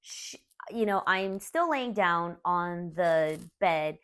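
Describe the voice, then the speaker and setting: A woman in her forties who grew up in Laos tells a personal story in a soft-spoken, candid way. Her voice sits a little low for a woman, and her delivery is earnest and unpolished. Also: expressive, slow pace, clear, resonant tone. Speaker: martial arts school owner.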